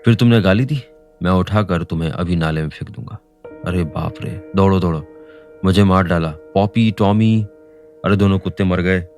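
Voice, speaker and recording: A man's voice: low voice, a little fast, darkish tone, soft background music, close to an everyday voice. A man voicing a frail, sickly old man who pants and whines in sobbing complaints. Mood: whining, sobbing. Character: frail sick old man, panting and weepy.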